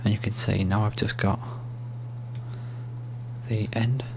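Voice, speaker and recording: A soft-spoken man giving an ASMR-style screen tutorial, explaining steps in a hushed, unhurried, informal way. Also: on the low side, completely flat delivery, creaky. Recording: faint hum and background noise.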